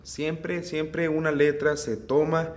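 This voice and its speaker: A man with a Mexican accent, a mariachi singer teaching vocal technique in an unhurried, relaxed way. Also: on the high side, a little hiss or hum. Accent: Mexican Spanish. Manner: unhurried, explains phrasing, breaks into singing. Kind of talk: relaxed vocal tutorial with sung demonstrations.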